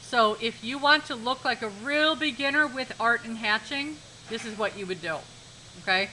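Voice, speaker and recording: A woman's voice: a little high, moderate pace, pushed and bright, a little hiss or hum, poor audio. A woman art teacher giving a live demonstration lesson in a classroom, instructive, repeating key points and checking that students follow.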